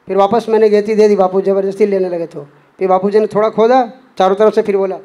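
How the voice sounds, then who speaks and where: High-voiced man telling a devotional story. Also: steady tone, quick pace, warm tone, lo-fi sound. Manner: earnest retelling that acts out quoted dialogue. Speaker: devotee sharing a personal experience. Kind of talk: spoken testimony.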